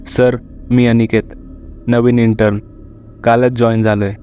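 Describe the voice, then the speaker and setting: A man voicing an earnest young male intern in a storybook reading, polite but quick to protest. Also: medium pitch, little pitch movement, warm tone, smooth, soft background music, lightly acted.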